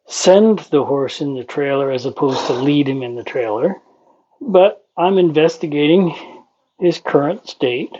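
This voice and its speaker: A man working as a horse trainer, calmly explaining a training session and talking softly to the horse in between. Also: fairly high pitch. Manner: calm, explanatory, talks to the horse between points. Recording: dull, lo-fi with faint noise.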